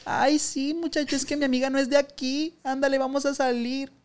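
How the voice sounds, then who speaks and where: A flamboyant young man, high-pitched and sing-song, as a man puts him on during a story. He pleads and cheers in a camp, drawn-out way. It is a lively podcast retelling. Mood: pleading.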